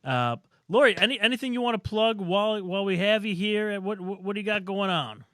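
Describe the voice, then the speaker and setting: A man's voice: high voice, a little fast, pushed and bright, no room sound, clean studio sound. Upbeat man co-hosting sports radio. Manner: upbeat, hypes the guest. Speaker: radio show co-host. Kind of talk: casual sports radio chat.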